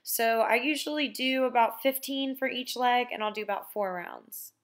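A woman's voice: fairly high pitch, normal speed. Chatty young woman explaining gym exercises. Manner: relaxed, chatty instruction with "basically" and "so". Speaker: fitness vlogger. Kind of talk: casual workout walkthrough voice-over.

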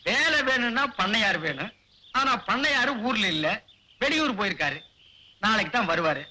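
A bossy village man with a high, piercingly bright voice. He bosses people around and jabs at them with sarcastic insults, and a faint film hiss sits behind him. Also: big pitch swings, normal speed, heavily acted, rough recording. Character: bossy, mocking village man, middle-aged. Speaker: comic village loudmouth.

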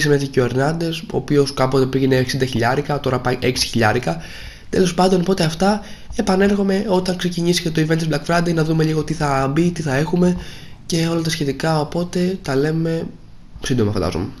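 A young man casually commenting on a video game, grumbling and disappointed, his voice a little hoarse. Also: on the high side. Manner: grumbling, disappointed, repeats himself. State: slightly hoarse. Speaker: gaming video creator.

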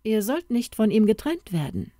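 A woman voicing a kindly, wealthy middle-aged uncle who speaks calmly and reassuringly in an audiobook. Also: on the high side, moderate pace, no echo, clean studio sound, voice pushed up. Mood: gentle.

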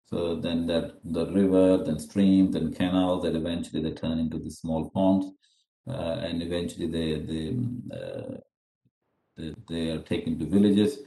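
A man's voice: deep voice, measured pace, vocal fry, dark tone, echoey room. A middle-aged man from Pakistan giving an unscripted webinar lecture over a video call, with many fillers and restarts. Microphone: webcam video call.

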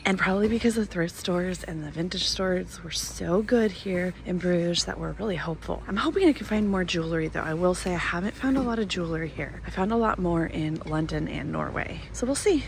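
A woman's voice: on the low side, fairly quick, gravelly, hardly any pauses, a little hiss or hum. A woman vlogger with her early-morning voice, chatting enthusiastically as she shops an outdoor flea market and now and then dropping to a whisper. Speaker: vlogger and host. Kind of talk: casual shop-along vlog. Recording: background music under the voice. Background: music.

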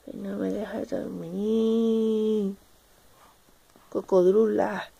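A woman's voice: mid-range voice, slow pace, creaky, mellow, slightly rough. A mother from Spain talking baby talk to her infants in a home video, cooing and repeating little sing-song words, now and then bursting into playful squeals. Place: family home.

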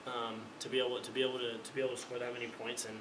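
This is a young college quarterback at a postgame press conference, medium in pitch, speaking rapidly and flatly in a halting way, constantly restarting phrases and repeating words. He's at a table mic in an indoor press room, and the recording sounds roomy, distant, and noisy.

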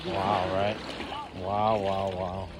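Strolling a tropical beach with his phone camera, a male travel vlogger marvels at the scenery in an easygoing, chuckling narration. His voice is deep and flat, with drawn-out words, and outdoor wind and water noise fills the recording.

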